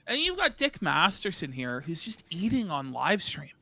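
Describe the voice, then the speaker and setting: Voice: medium pitch, huge pitch swings, moderate pace, sharp tone. A commentator giving casual, opinionated live commentary in an indignant, emphatic, ranting way.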